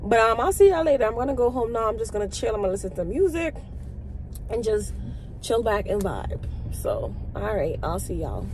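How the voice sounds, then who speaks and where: A woman's voice: a little high, big pitch swings, brisk, loud music behind the voice, rough recording. A young woman, a new nurse, chatting casually to her viewers from a car and calling them y'all. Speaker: vlogger and new graduate nurse. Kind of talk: casual vlog chat.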